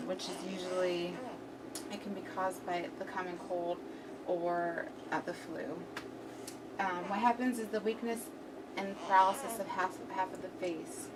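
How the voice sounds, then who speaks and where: A young adult woman giving a prepared student presentation to a class, her speech slightly numb and impaired on one side of the mouth. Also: on the low side. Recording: distant mic, clearly noisy room recording.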